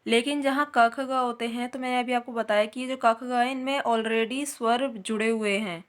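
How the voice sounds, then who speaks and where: Woman, teacher, Hindi grammar lesson, slightly high voice, patient step-by-step explaining. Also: fairly even intonation, moderate pace. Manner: explains step by step, asks and answers her own questions.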